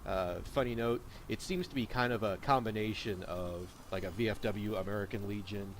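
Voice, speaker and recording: A man's voice: fairly low pitch, moderate pace. A man giving casual video game commentary, with rambling explanatory asides. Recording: steady background noise. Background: video game ambience and noise.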